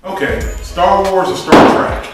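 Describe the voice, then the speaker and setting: A man's voice: high voice, unhurried. A man hosting a casual podcast chat, asking questions and joking with guests, laughing often. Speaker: podcast host. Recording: roomy echo, heard from a distance, music behind. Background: music.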